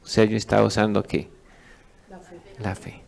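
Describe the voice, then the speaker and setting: A man's voice: fairly low pitch, expressive, moderate pace, gravelly, darkish tone. A man, a pastor teaching a sermon who asks his congregation questions and lets them answer.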